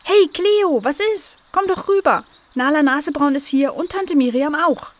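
A woman voicing an eager, cheerful young female animal in a children's story, calling out excitedly. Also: high voice, a little fast, voice pushed up.

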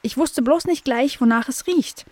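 A woman's voice: sits high, moderate pace, darkish tone, no room sound, pitched above the performer's own voice. A woman voicing a curious, cheerful young female dog in a children's audio story, talking eagerly.

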